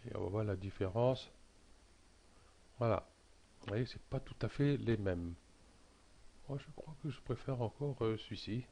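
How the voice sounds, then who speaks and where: A man talking through a casual software tutorial, hesitant and full of fillers and restarts. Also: lowish voice, moderate pace, creaky, pauses often.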